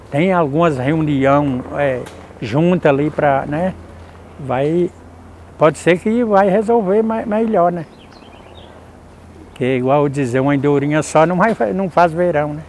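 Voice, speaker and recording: Rich: A man with a somewhat raised voice speaks haltingly, restarting his sentences. Faint ambience and passing vehicles are heard behind him. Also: on the high side, a little mellow, a little hiss or hum. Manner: hesitant, falls back on a proverb. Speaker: interviewee. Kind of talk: documentary testimony.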